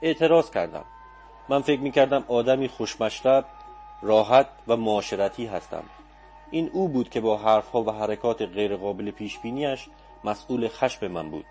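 Mellow male audiobook narrator. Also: fairly low pitch. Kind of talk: scripted literary narration. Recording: faint background music.

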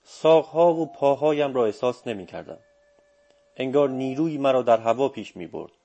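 A man narrating a first-person audiobook in a measured, steady reading. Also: mid-range voice, dull audio.

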